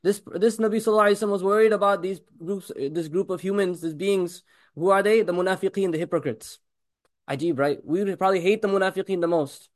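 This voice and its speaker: A male religious teacher gives a talk at a breakneck pace. His voice sits high, and he presses his points with rhetorical questions and repeated blessings. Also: fairly even intonation. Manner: rapid, emphatic preaching with blessings on the Prophet woven in.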